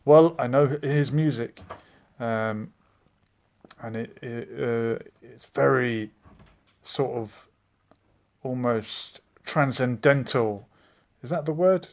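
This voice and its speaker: A man hosts a relaxed live stream, chatting casually as he reads out viewer comments. He meanders from thought to thought and pauses often as he searches for words. His voice sits at an ordinary middle pitch. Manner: meandering and chatty, with frequent hesitations.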